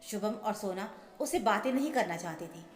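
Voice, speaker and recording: A woman's voice: mid-range voice, animated, moderate pace. Woman narrating an emotional story, reverberant. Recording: echoey with long reverb, soft music. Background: soft background music.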